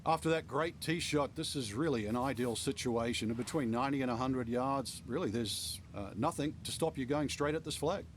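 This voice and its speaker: A man's voice: mid-range voice, a little fast, few pauses, slight background noise. A man giving conversational, opinionated golf commentary as an analyst.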